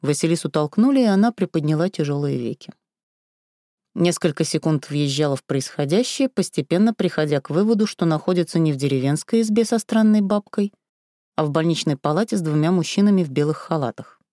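A woman narrating a story in an even, expressive reading style. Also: deep voice, a little fast, dry recording, clean studio sound. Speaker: audiobook narrator.

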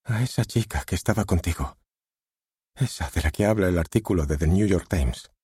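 Tracy is an anxious, forgiving wife who pleads and questions her husband in an audiobook reading. A man reads her part and raises his deep, husky voice for her. The sound is dry and close. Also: animated, moderate pace, warm tone, no room sound, full character voice. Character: worried, forgiving wife, middle-aged woman.

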